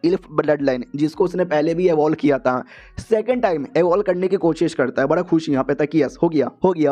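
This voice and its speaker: A man's voice: a little high, warm tone. A man narrating a story recap in a casual, chatty way, mixing in English words.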